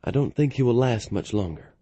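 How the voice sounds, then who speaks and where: A man's voice: medium pitch, animated, a little fast, warm tone, no echo, lightly acted. A man reading a tearful woman officer. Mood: sad. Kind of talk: audiobook narration.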